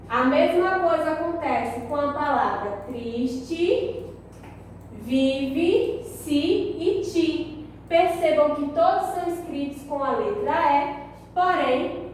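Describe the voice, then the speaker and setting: A woman teacher giving a recorded school lesson, explaining slowly and checking in with her pupils. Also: sits high, darkish tone, slight background noise. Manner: slow, deliberate explaining with frequent check-ins. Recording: very echoey, distant mic.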